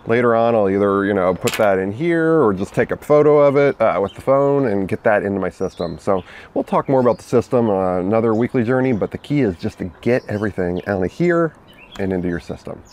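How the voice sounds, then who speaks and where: A man with a lowish voice hosts a weekly fundraising tip, talking fairly quickly and casually outdoors while birds sing nearby. He's relaxed and chatty, full of "uh" and "you know" fillers, and there's a bit of hiss or hum on the recording.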